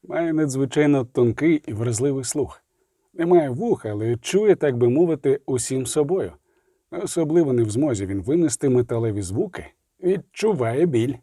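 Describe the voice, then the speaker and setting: A man voicing a calm, terse male monster hunter in an audiobook, speaking coolly and measured. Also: medium pitch, dry recording, studio quality.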